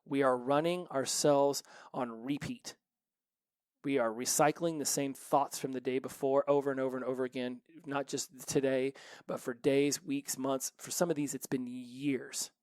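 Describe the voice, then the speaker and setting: A man hosting a solo self-help podcast from his office, talking in an energetic, emphatic and playful way. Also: medium pitch, moderate pace, no room sound. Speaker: podcast host.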